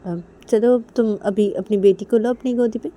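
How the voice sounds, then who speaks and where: A woman's voice: a little high, steady tone, normal speed, mellow, pitched above the performer's own voice, lightly acted. A woman voicing a teasing, knowing middle-aged mother who coaxes with repeated "hmm?" tags, in a storybook tale. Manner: coaxing, ends lines with "hmm?".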